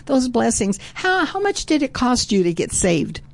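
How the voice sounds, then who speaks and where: A woman's voice: a little high, very animated, moderate pace, creaky, no room sound. A woman preaching a sermon earnestly, often breaking in with "oh" as she speaks.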